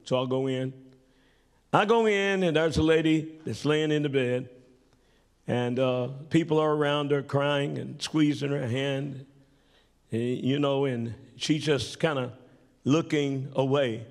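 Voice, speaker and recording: A man preaching a sermon and telling a story. He builds from calm storytelling to shouted praise. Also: mid-range voice, measured pace. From Tennessee, United States. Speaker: pastor. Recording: long reverb of a church hall.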